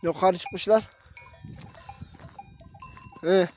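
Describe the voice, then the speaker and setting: A young man with a voice hoarse from a cold, chatting casually to viewers from a mountain pasture. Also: high voice, fairly even intonation, drawn-out words, darkish tone, a little hiss or hum. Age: young adult. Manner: talks to viewers as friends, calls to his animals. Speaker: shepherd vlogger. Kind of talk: casual vlog narration outdoors. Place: mountain pasture outdoors, wind.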